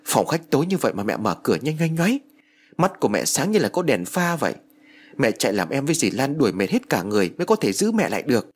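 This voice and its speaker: A man's voice: medium pitch, very animated, quick pace, husky. A man voicing an urgent, fearful young woman in a spoken ghost story, talking insistently. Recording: music bed under voice.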